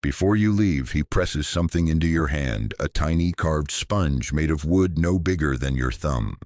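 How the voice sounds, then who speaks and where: A man narrating a bedtime sleep story in a soft-spoken, unhurried, gently wry scripted way. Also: rumbling low, dry recording, studio quality.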